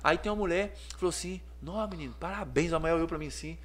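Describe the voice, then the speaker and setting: A Brazilian man, a clothing store owner, telling lively stories in a casual podcast interview and acting out the voices of people in them. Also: fairly high pitch, rapid-fire, a little hiss or hum. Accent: Brazilian Portuguese. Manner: lively storyteller, acts out voices and sounds.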